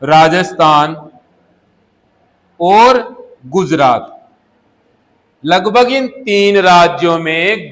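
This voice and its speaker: Man, Hindi teacher, classroom lesson, slow pace, repeats questions and answers. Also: sits high, fairly bright tone. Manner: asks questions and answers them himself, repeating key words. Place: coaching classroom.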